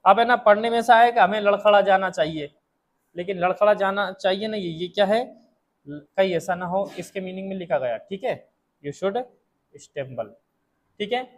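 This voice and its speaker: A man's voice: high voice, rough recording. A man with a Hindi accent teaching a classroom English lesson, repeating points and quizzing students as he goes. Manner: slow, repetitive, drills students with questions.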